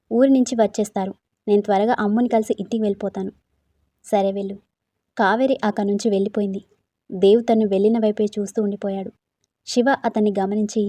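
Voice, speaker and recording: A woman's voice: medium pitch, mellow, dry recording. A woman reading a story aloud and voicing every character in one plain everyday tone.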